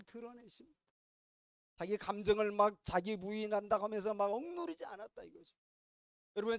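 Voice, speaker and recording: In a clean studio recording with no room sound, a high-voiced man with a clean tone delivers a sermon as pastor. He tells a story with sudden shifts from loud to quiet and asks the congregation questions.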